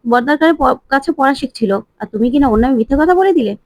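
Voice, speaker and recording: A woman voicing an angry young husband who scolds indignantly, quoted in a quick retelling of a TV serial. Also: high-pitched, animated, no room sound. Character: angry young husband defending his brother.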